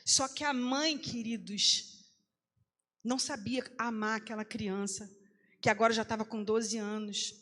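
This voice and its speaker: A woman's voice: a little high, fairly even intonation, measured pace, a bit bright. A woman pastor telling a testimony in a sermon, acting out the voices in the quoted lines. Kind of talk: sermon storytelling. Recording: long hall reverb.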